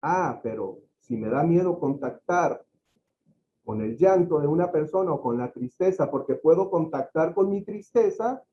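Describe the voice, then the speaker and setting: A man's voice: on the high side, lo-fi sound, a little hiss or hum. A man giving a lecture to teachers, explaining ideas through everyday examples and acting out quoted speech. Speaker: facilitator of a teacher-training talk.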